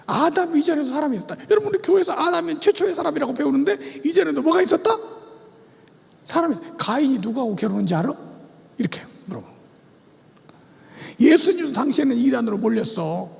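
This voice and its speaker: Man, pastor, very high voice, heavy gravel, quizzing the congregation, lively delivery, long church reverb. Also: fast talker, long pauses. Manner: animated, quizzes the congregation, call-and-response. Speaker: pastor teaching about cults. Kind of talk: church seminar sermon. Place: church sanctuary.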